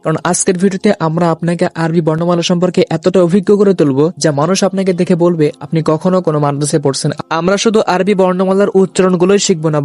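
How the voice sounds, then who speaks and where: In a video lesson, a man teaches the sounds of Arabic letters, pronouncing each one slowly and then repeating it so learners can copy him. His voice is high-pitched with a somewhat dark tone.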